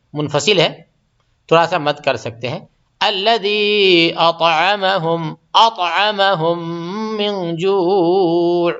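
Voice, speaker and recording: A man teaching tajweed, explaining pronunciation step by step and repeating words slowly and drawn out, often checking that his students follow. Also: high-pitched, a bit bright, highs cut off. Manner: keeps checking students understand. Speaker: Quran recitation teacher. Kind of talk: tajweed lesson.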